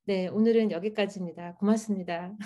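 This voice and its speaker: A woman's voice: mid-range voice, brisk, a crowd in the background. A woman in her thirties giving an earnest church testimony in a sermon style over a video call. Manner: expressive, earnest storytelling with rising emphasis. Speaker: small-group leader giving a church message.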